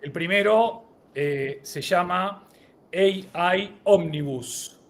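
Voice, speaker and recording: A man's voice: sits high, slow pace, a bit bright. A man co-hosting a live-streamed podcast, greeting viewers and running a word-association game. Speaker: podcast co-host.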